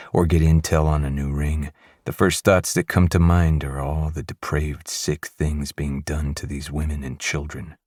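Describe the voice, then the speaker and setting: A man narrating a first-person audiobook with low, restrained menace. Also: a little mellow, no echo, clean studio sound.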